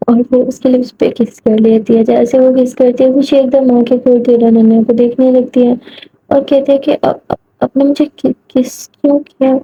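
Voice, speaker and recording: A woman retells a love story casually, chatting her way through it. Her voice is very dark and mellow, held fairly high but with little melody. The audio is dull and lo-fi, with faint hiss behind her. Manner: plain, conversational retelling with many asides.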